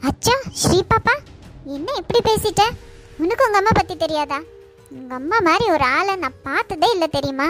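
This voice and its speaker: A woman's voice: very high voice, moderate pace, fairly bright tone. A woman voicing a kind, protective aunt in a cartoon, speaking in a soothing, affectionate way. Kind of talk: cartoon voice acting. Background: faint background music.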